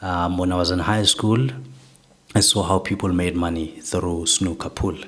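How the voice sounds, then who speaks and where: Here a young South African man, soft-voiced and low, reflects on his life as a guest in an interview. His tone is steady, his speed normal, and "right?" often caps his points.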